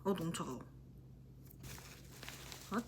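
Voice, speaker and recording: A woman's voice: fairly low pitch, animated, slow pace, a little mellow, a little hiss or hum. Give me a chatty woman in her twenties talking to her camera, teasing herself and laughing as she goes. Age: 20s. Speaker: university student vlogger. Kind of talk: casual vlog chat.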